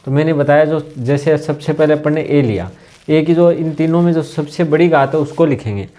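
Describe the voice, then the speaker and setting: A man's voice: fairly high pitch, normal speed, warm tone. Male maths teacher checking in constantly. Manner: repetitive, asks the class if they understood; walks through each step with rhetorical questions. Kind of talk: exam-prep maths lesson.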